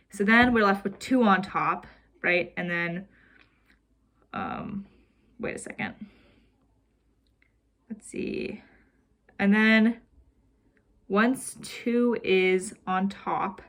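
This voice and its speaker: A woman's voice: medium pitch, fairly bright tone. A young woman talks through her homework answers in a loose, rambling way, leaning on "basically" and "like". She sounds a little out of breath as she explains each step. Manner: rambling, heavy use of "basically" and "like". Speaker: student. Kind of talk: casual recorded homework walkthrough.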